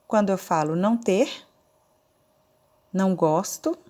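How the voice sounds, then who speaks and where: A woman with a Brazilian Portuguese accent teaching a recorded online lesson, explaining slowly and step by step. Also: mid-range voice, dark tone. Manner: slow, deliberate, explaining step by step. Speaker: sign language teacher.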